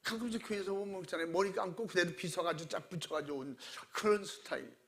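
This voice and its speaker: A man pastor preaching a sermon, animated and acting out quoted voices with shouts. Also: sits high, quick pace, creaky.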